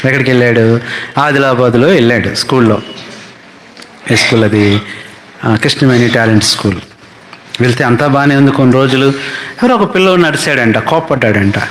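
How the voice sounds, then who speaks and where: A man preaching a sermon as pastor, animated, with big swings between high and low. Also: brisk, long pauses, a little hiss or hum.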